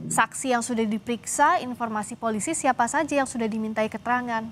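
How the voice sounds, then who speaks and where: Female news interviewer, polite and careful, fairly high voice, with ambient noise behind her. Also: fast. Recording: clear background ambient noise.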